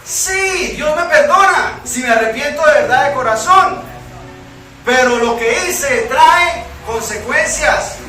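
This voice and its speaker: A Colombian-accented man preaches a sermon and keeps asking the congregation rhetorical questions. His voice sits very high and sounds bright and forceful. He is recorded from a distance in a very echoey church hall, with faint music behind him. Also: animated, slow pace. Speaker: pastor.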